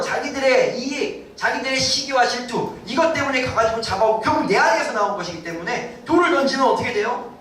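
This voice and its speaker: A man's voice: very high-pitched, a little hiss or hum. A man preaching a Sunday sermon as senior pastor, asking the congregation questions and acting out what people say. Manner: animated, asks the congregation questions and acts out quotes. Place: church sanctuary. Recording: very echoey church hall, mic from a distance.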